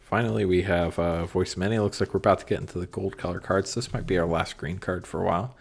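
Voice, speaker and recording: Low gravelly man reading cards aloud. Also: quick pace, soft background music. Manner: relaxed, reads card text aloud, frequent ums. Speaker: card shop streamer. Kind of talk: casual livestream commentary on cards. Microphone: phone and computer stream setup.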